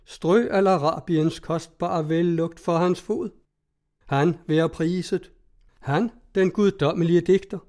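A man doing a loud, fickle crowd. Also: fairly high pitch, fairly even intonation, natural voice. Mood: exultant.

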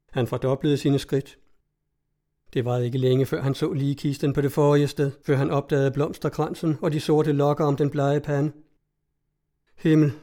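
A man reads an old tale aloud in a measured, solemn storytelling voice. His tone is mellow and soft-edged, sitting somewhat high for a man. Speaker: narrator. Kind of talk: scripted narration of a story.

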